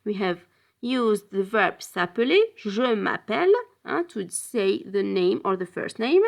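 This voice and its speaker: A woman teaching a bilingual language lesson. She explains slowly, moves back and forth between French and English, and often pauses with hesitation fillers. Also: medium pitch, animated, vocal fry.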